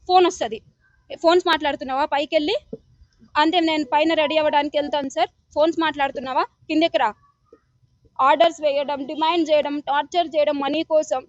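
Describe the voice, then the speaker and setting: In a dry, lo-fi recording, a young woman with a high voice gives a news reporter an emotional, urgent account of her complaint. She pleads throughout and often addresses him as sir.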